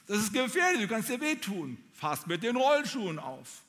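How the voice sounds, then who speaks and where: A man voicing an anxious mother who calls her daughter down, shrill and warning. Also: big pitch swings, moderate pace, fairly bright tone, in a large hall, faint music behind.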